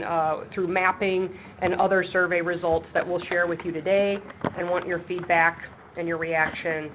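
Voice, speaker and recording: A woman with a fairly low voice chairs a webinar over the phone, briskly and practically giving her presentation with frequent ums, and she mentions that her voice is loud. She's on a speakerphone set on a table, and the tinny line carries faint background noise.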